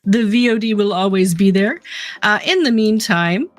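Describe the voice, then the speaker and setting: A woman's voice: medium pitch, expressive, normal speed, dry recording. Woman chatting on a gaming podcast, dry close sound, laughs a lot, faint music behind. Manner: chatty, laughs often, self-deprecating. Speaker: podcast co-host. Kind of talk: casual gaming podcast chat.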